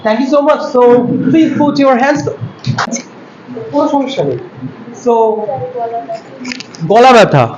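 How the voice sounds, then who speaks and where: A man's voice: big pitch swings, extremely slow, pauses often, noisy background. A man in his twenties teaching an English class, coaxing students in Bengali and English. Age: 20s. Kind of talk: classroom lesson. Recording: dull low-fi room audio.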